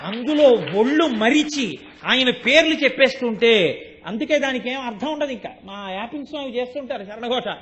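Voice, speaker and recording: A man's voice: very high-pitched, animated, moderate pace, a bit bright. A man giving a devotional sermon, telling stories animatedly and asking his listeners rhetorical questions. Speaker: religious discourse speaker.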